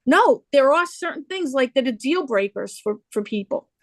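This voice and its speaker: A woman's voice: high voice, animated, normal speed. A woman with a New York accent hosting a casual chat, talking at length in a sympathetic way over a video call. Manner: chatty and sympathetic, talks at length. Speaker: host.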